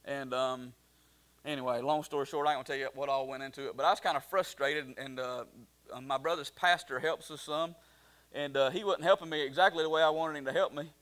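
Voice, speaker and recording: A man's voice: mid-range voice, fairly even intonation, a little fast, a bit bright. A middle-aged man preaching a sermon in a folksy storytelling way, full of fillers and restarts. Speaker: pastor.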